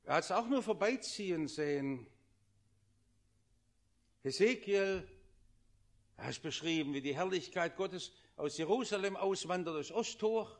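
High-voiced fervent preacher. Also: male voice, lively intonation, a little slow, pauses often. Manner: fervent, swings from loud pleading to hushed intimacy. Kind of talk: sermon.

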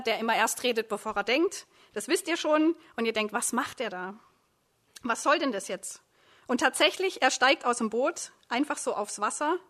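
A woman with a fairly high, slightly bright voice preaches a sermon, dramatically retelling a Bible story in the second person. She speaks straight to her listeners as a preacher who also leads a discipleship program.

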